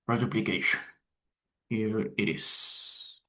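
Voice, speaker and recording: A man presenting a class talk, reading his slides aloud haltingly, with pauses and restarts. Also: fairly low pitch, fairly even intonation, sharp tone. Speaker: student presenter.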